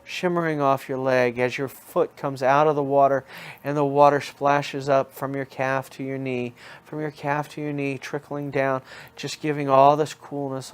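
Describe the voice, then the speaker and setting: A guided relaxation storyteller with a mid-pitched, smooth voice leads a guided imagery session, narrating like a hypnotist to soothe the listener. He repeats phrases over and over in a hypnotic pattern.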